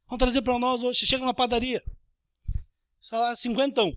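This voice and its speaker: Brazilian male pastor, very high, bright voice, lively sermon, dry close sound. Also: a little fast, no echo. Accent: Brazilian Portuguese. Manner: animated, acts out little scenes with changing voices.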